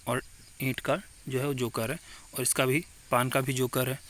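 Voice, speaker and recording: Man, middle-pitched voice, casual tutorial voice-over, step-by-step explaining, conversational, self-correcting. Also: level tone, normal speed, fairly bright tone, a little hiss or hum. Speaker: game tutorial host.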